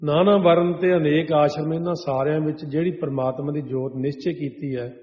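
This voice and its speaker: A man's voice: fairly high pitch, fairly even intonation. Man preaching in a dull echoey hall. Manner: slow, chants verses then explains line by line. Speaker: Sikh preacher giving katha. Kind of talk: sermon with chanted scripture.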